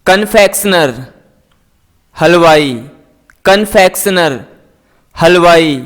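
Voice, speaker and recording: A man teaching English words, saying each word and its meaning twice in a slow, deliberate drill. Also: high voice, a bit bright.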